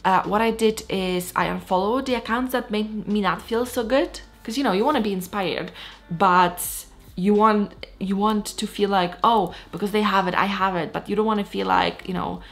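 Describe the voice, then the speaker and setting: A Polish lifestyle vlogger in her thirties gives a frank, blunt motivational talk straight to camera, swearing casually. Her voice is medium-pitched with vocal fry, and she speaks at a normal speed.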